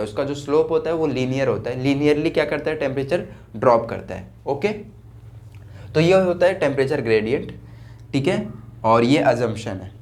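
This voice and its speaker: Young male tutor, exam-prep physics lecture, repeats terms as questions, mid-pitched. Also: a little mellow. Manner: repeats key words as questions to the class; mixes English terms into Hindi explanation. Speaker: physics teacher. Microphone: own mic, checked during lecture.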